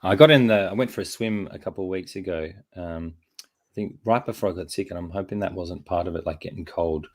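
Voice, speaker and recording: A man's voice: low voice, a little fast. A man hosting a casual chat, rambling with many restarts while getting over a chest infection. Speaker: host.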